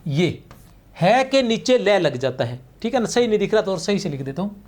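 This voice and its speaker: A man's voice: high-pitched, sing-song, moderate pace, a little mellow. A man teaching a grammar class for exam prep. He explains patiently, checks in with his students often, and draws out key words as he writes on the board. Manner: patient, repetitive explaining, frequent "theek hai na" checks.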